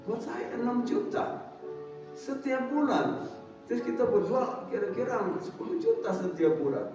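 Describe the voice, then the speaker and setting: A man in his eighties giving a calm, conversational testimony at a church service, quoting his prayers and his family. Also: very high voice, unhurried. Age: 80s. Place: large church hall. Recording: echoey distant church hall, dull sound, music behind.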